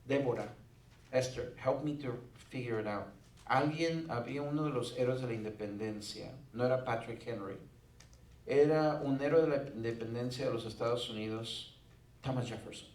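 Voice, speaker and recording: A man's voice: medium pitch, moderate pace, darkish tone. Man preaching in a roomy church. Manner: conversational preaching with joking asides. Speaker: pastor. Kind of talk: sermon. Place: church sanctuary. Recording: roomy church sound from a distant mic.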